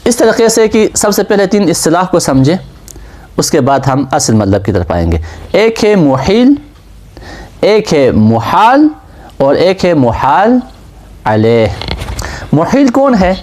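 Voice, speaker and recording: Lively-voiced male seminary lecturer. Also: fairly high pitch, pauses often. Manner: asks questions and answers them himself. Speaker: seminary teacher. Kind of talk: classroom lecture on Islamic law.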